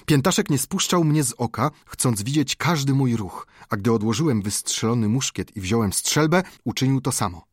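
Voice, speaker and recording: A man reading an adventure novel aloud as an audiobook narrator, in a measured, dramatic storytelling manner. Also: mid-range voice, lively intonation, husky, no room sound, studio quality.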